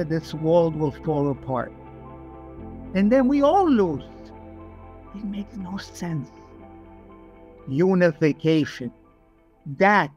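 An older man from Romania, speaking emphatically as a guest on a video call from home, with many fillers. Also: a little high. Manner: emphatic, digressive, frequent fillers. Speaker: guest, aerospace engineer. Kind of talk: casual interview over video call. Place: home room, indoors. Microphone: webcam video call.

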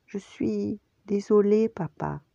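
A woman voicing an eager young male lion cub in a high, excited, childlike voice for a bedtime story. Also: normal speed, no echo. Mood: sorry. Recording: dull lo-fi dry recording.

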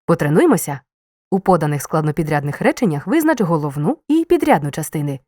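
A woman reading a scripted grammar lesson, explaining clearly and stressing key words. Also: deep voice, big pitch swings, fast, warm tone, dry recording. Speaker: teacher.

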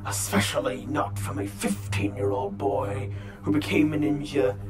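A man voicing an arrogant Spartan warrior villain with a booming, grandiose, menacing delivery in a homemade fantasy story. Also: moderate pace, over music, natural voice. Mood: scornful. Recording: noisy homemade recording.

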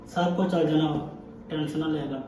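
A man playing a patient, kindly husband and elder brother in a family drama, speaking in a calm, reassuring way. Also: fairly high pitch, brisk, far from the mic, a little hiss or hum, lightly acted. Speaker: actor in a family web drama. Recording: echoey room, faint music.

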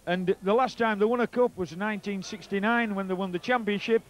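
A man's voice: high-pitched, fairly quick. A middle-aged man with a Yorkshire accent giving live rugby league match commentary. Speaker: co-commentator, former player. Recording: outdoor match noise behind commentary. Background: stadium ambience and crowd.

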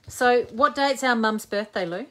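Her voice is on the high side and fairly bright, paced in a measured way, as this woman in her forties jokes and chats through a live craft demonstration. As a craft video host, she thinks aloud while she works.

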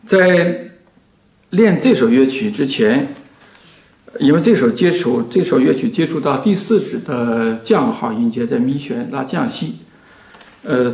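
A man teaching violin, speaking slowly and patiently to a student, his sentences trailing off softly. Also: medium pitch, creaky. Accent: Mandarin Chinese. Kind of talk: explaining to a student in a lesson. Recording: echoey room with violin playing.

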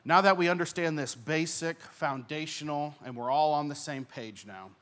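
At a fairly high pitch and normal speed, a young man preaches earnestly on a church stage, handheld mic in hand, as the pastor. Key points come out louder, while the ends of his phrases drop gently.

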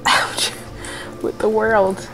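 A woman plays a video game at home as a let's-play gamer, chatting casually to herself while she has the hiccups, laughing a lot and swearing freely. Her mid-range voice is fairly bright, with a flat delivery and drawn-out words. Others are nearby, with faint game music and slight background noise.

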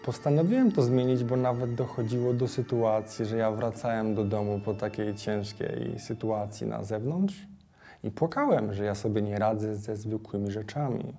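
A man's voice: fairly low pitch, normal speed, warm tone, soft background music. A young man speaking earnestly and matter-of-factly in a documentary interview.

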